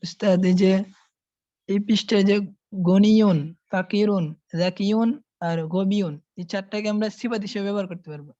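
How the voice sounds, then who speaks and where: Brief: woman student, eager questions, mellow tone, muffled call sound. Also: mid-range voice, fairly even intonation, fairly quick, dry recording. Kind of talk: answering in an online class. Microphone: video call.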